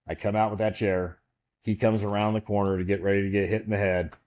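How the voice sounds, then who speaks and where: Over lo-fi sound, a man with a lowish voice talks quickly. He's a guest on a podcast, casually recounting a long story and bringing it to life by imitating the people he quotes.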